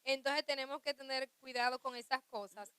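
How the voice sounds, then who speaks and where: Woman radio co-host, clear resonant voice, high and bright, chatty about faith. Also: steady tone, normal speed, no room sound. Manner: chatty, reflective, laughs often.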